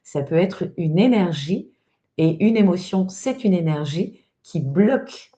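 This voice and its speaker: A woman's voice: on the low side, lively intonation, unhurried, dark tone, highs cut off. A woman hosting a testimony interview, speaking in an encouraging way with many fillers. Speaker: host and trainer.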